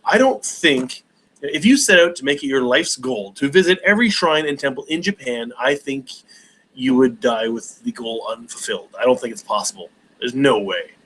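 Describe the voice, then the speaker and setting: A man's voice: mid-range voice, lively intonation, normal speed, a bit bright, slightly rough, poor audio. A man in his forties hosting a casual live stream Q&A, rambling with many hesitations and restarts. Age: 40s.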